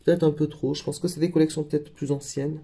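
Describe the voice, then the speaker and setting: A man talks casually through a craft haul and often stops to correct himself. His voice is gravelly and dark, and it sits a little high for a man. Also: flat delivery, quick pace. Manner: hesitant, with frequent fillers and self-corrections. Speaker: craft vlogger. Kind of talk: casual haul video show-and-tell.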